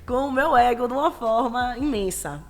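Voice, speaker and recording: A woman who works as a parenting educator, speaking as a podcast guest in casual chat and acting out quoted dialogue as she tells stories. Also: a little high. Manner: animated, quick storytelling, acts out quoted dialogue.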